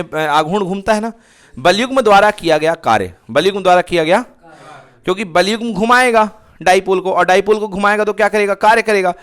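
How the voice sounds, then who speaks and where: A male physics teacher runs a fast revision lesson in a call-and-response rhythm, asking a question and then supplying the answer himself. His voice sits high and rings clear and smooth. He drills the key terms again and again in a colloquial way. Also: a bit bright.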